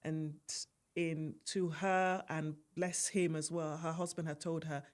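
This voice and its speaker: A woman who works as a midwife, speaking in an earnest, measured way as an interview guest recounting her work. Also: low voice, level tone. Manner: measured, earnest, occasionally laughing. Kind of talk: conversational interview storytelling.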